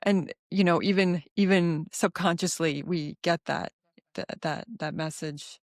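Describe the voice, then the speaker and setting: A woman health coach speaking as a podcast guest in a measured, thoughtful way, with some restarts. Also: lowish voice, dry recording, studio quality. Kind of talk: casual interview conversation.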